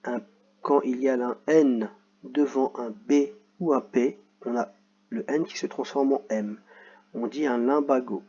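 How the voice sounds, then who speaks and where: Male schoolteacher, very slow and patient, slightly husky voice, muffled low-fi sound. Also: mellow. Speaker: teacher. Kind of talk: reading lesson for children.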